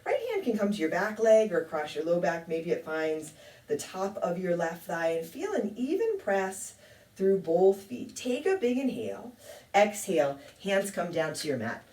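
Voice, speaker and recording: Lady yoga teacher calling out poses, kinda low voice but swoopy, echoey room, mic's a bit far off. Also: normal speed. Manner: calm cueing with light self-deprecating humor. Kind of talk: guided yoga class instruction. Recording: echoey room, mic at a distance.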